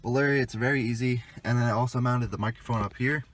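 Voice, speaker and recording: A young man with a medium-pitched, fairly bright voice races through a casual vlog walkthrough of a car radio installation. Working in and around a parked car outdoors, he keeps his intonation fairly even while rambling informally and swearing mildly.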